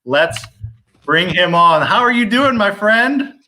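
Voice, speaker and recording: A man's voice: sits high, animated, slow pace, sharp tone. A man hosting a live stream interview in an upbeat, hyped manner. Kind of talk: livestream interview chat.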